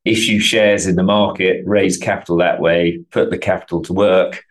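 A man's voice: deep voice, fairly even intonation, normal speed. A man giving explanatory answers as an expert guest in a remote interview. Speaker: interview guest, portfolio manager. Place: remote video call.

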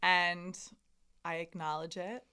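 A woman's voice: lowish voice, level tone, slow pace, pushed and bright, clean tone. A young woman in her twenties co-hosting a podcast, talking in a candid, rambling and self-deprecating way with lots of fillers. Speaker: podcast co-host. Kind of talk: casual chat.

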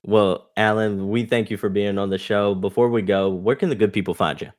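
Deep-voiced podcast host, relaxed. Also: male voice, fairly quick. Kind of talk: casual interview chat.

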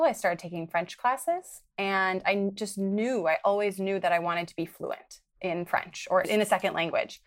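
A young woman from Wisconsin, United States, appears as a podcast guest in a conversational interview. Her voice sits at an ordinary middle pitch, and she is earnest and chatty, giving frank advice and laughing now and then.

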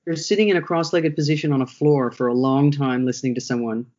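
A man, a workshop trainer, talking through his ideas in a relaxed interview, often restarting his sentences as he thinks. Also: medium pitch, fast talker, muffled recording. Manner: reflective, thinks aloud with frequent restarts.

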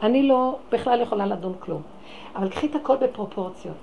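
A woman giving an impassioned religious talk, swinging between loud exclamations and hushed, pleading tones. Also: medium pitch, expressive, creaky, muffled recording, a little hiss or hum. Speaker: religious lecturer.

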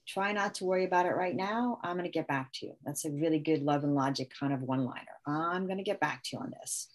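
A mother with a deep voice speaks quickly as a parenting expert guest in a casual interview. Explaining her techniques, she restarts often and acts out quoted one-liners she'd say to a child.

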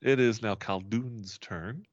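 A man's voice: fairly low pitch, slow, no echo, lo-fi sound. A man running a tabletop game as game master, joking and laughing often as he narrates.

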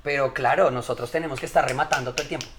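A man's voice: mid-range voice, fairly even intonation, racing, background noise. A man, a comedian guest making emphatic points in a casual podcast chat. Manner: emphatic, lecturing, tells jokes.

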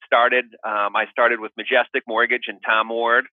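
A middle-aged male guest talks casually in an interview. His mid-pitched voice comes through a narrow, phone-like line with no room echo. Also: little pitch movement, normal speed. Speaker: podcast guest, mortgage professional.

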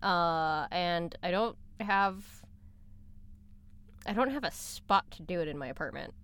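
A woman's voice: lowish voice, measured pace, a bit bright, a little hiss or hum. A woman co-hosts a podcast in a casual, chatty way. She often restarts her sentences and laughs as she goes. She is speaking into a studio microphone in a library room. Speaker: podcast co-host.

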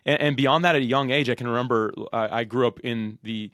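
A man's voice: medium pitch, a little fast, no room sound, clean studio sound. A man in his thirties, a podcast guest, talking with energy and enthusiasm. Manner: energetic, enthusiastic, lots of fillers. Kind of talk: podcast interview.

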